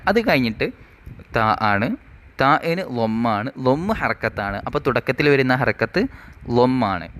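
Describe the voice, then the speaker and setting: A man teaching an Arabic grammar lesson, reading rule text slowly and then explaining it, asking questions and answering them himself. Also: mid-range voice, a bit bright, a little hiss or hum.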